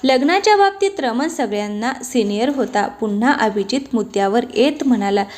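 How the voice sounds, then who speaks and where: A woman narrating a family story aloud in a steady, expressive reading voice. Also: on the high side, moderate pace.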